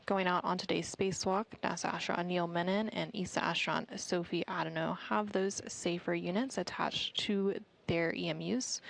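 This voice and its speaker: A woman giving measured, informative live commentary, explaining procedures as they unfold. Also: lowish voice, gravelly. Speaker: live spacewalk broadcast commentator.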